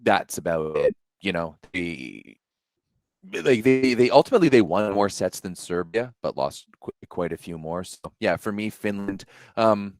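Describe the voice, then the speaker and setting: Slangy young man with a deep voice. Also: animated, measured pace, no room sound. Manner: chatty and slangy, lots of fillers and repeats. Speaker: podcast co-host. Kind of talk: casual sports chat.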